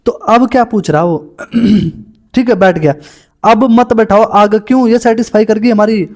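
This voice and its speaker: A young man with a high voice coaches exam students through reasoning puzzles. He talks in a chatty, informal way, often calling his listeners "bhai", while working out answers on a board. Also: moderate pace, darkish tone.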